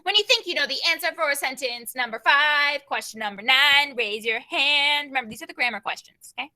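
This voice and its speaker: A young woman teacher leading an online grammar class over a video call, brisk and given to repeating her prompts. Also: high-pitched, sharp tone.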